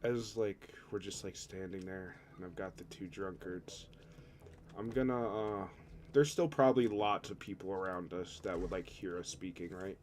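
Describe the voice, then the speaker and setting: A man with a slightly low voice talks through a tabletop game in a stoned, meandering way. His speech is casual and sweary, like an easygoing stoner, and recorded with a little noise behind it. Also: normal speed, darkish tone. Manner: stoner-like, rambling, profane. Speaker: tabletop roleplaying player.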